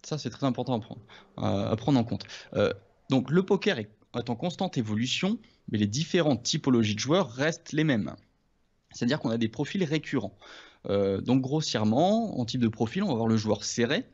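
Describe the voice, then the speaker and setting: A man walking through poker ideas in a relaxed lesson. He talks hesitantly and keeps restarting his phrases. The sound is a little dull and muffled. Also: mid-range voice, normal speed. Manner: hesitant, many restarts and fillers. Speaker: poker coach. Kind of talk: casual two-host poker lesson.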